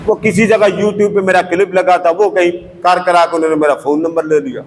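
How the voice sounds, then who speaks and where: A middle-aged man giving a Friday sermon in a mosque. He tells stories and acts out the dialogue in them, letting his voice rise and drop as he goes. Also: a little hiss or hum. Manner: animated storyteller who acts out dialogue with rises and drops in pitch. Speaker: preacher. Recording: echoey mosque hall with faint ambience.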